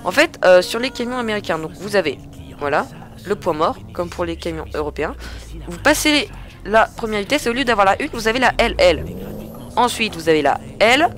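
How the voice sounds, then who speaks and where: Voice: mid-range voice, lively intonation, a little fast, a bit bright, soft background music. A gamer giving casual, chatty commentary over a truck-driving game, often hesitating and grumbling at other drivers, into a headset mic. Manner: chatty, hesitant, lots of filler sounds. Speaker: truck-simulator gameplay commentator.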